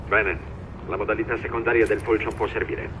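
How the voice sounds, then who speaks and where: Un attore che interpreta un comandante calmo e misurato, che dà ordini via radio. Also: male voice, on the low side, background noise. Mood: calm orders. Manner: calm, measured, giving orders. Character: composed male commander issuing orders by radio. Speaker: field commander. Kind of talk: video game dub acting.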